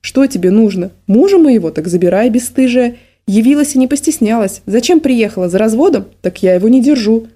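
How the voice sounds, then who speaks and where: A woman reading an audiobook voices a frail, confused old woman in a nursing home who rambles and then turns shrill and accusing; her voice is mellow. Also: lively intonation, fairly quick, hardly any pauses, breathy edge. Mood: hostile, shrill.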